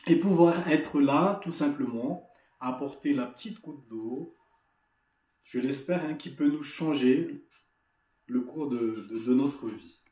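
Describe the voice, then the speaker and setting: Man, Malagasy accent, mellow voice, echoey room, motivational talk, video call. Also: mid-range voice, slow pace. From Madagascar. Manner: earnest, encouraging, with frequent restarts and repeated words. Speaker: association delegate giving an opening lesson. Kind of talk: motivational speech to students.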